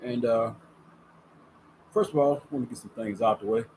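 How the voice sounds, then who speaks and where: At a moderate pace and in a slightly mellow mid-range voice, a fifty-something man chats folksily through casual sports commentary on his vlog, emphasizing words. The rough recording from his camera-and-ring-light setup has a little hiss or hum.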